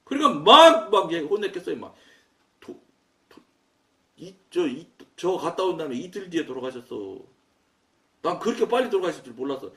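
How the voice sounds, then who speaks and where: A man preaching a sermon, telling a story in an animated, loud way and acting out his own quoted words. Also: fairly high pitch, normal speed, long pauses. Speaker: pastor. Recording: echoey room, mic at a distance.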